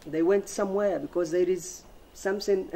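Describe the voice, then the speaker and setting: Mellow higher-voiced man, halting non-native English. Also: fairly even intonation, a little hiss or hum. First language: not English. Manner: halting, repetitive, emphatic. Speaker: interview guest. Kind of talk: unscripted panel talk.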